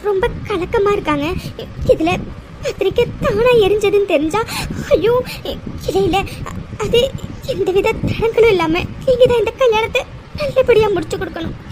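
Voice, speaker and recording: A woman voicing an anxious old grandmother. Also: very high voice. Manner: anxious, pleading, soothing. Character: worried grandmother praying for her grandsons. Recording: steady background hiss.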